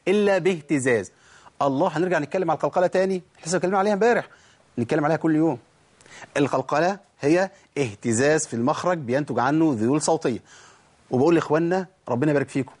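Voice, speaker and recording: A man with an Egyptian accent teaching Quran recitation rules, asking questions and answering them himself. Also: medium pitch. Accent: Egyptian Arabic. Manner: explains rules, asks and answers his own questions. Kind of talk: tajweed lesson.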